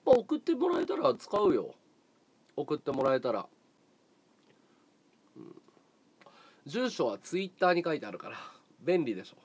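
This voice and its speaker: A man hosting a livestream, chatting casually with viewers in a relaxed way, often chuckling and thinking aloud. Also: fairly high pitch, normal speed, long pauses, slightly rough. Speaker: livestream host.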